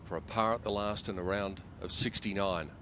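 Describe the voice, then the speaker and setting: A man commentating live on golf for television, with measured, dramatic storytelling phrasing. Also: lowish voice, fairly even intonation, sharp tone. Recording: music and crowd noise behind. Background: music and outdoor tournament crowd.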